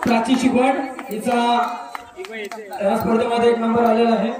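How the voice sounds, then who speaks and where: A very high-pitched man calls out to contestants over an outdoor loudspeaker, formal and polite. His voice booms with heavy echo from far off, and a crowd chatters around him. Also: little pitch movement, normal speed. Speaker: event announcer. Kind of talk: public announcements at a village children's race. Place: outdoors at a crowded village festival.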